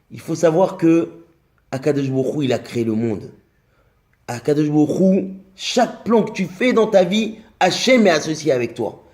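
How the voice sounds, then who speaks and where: A man giving a short religious lesson, telling a story and voicing its dialogue, with Hebrew terms in his speech. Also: a little mellow. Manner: storytelling, acts out dialogue with rising pitch. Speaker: Torah teacher.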